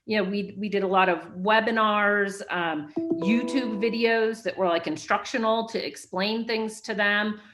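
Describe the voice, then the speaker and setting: A woman's voice: mid-range voice, measured pace, hardly any pauses, music in the background. Articulate businesswoman with "right?" tags. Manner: articulate, often adds a checking "right?". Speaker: guest executive. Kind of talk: interview answers.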